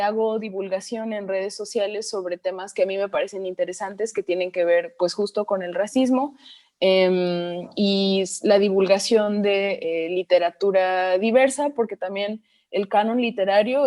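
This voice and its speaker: A young woman from Mexico in her twenties, a writer answering interview questions thoughtfully, pausing often to find her words. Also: medium pitch, a little mellow. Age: 20s. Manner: thoughtful, with frequent hesitations. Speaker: guest, writer.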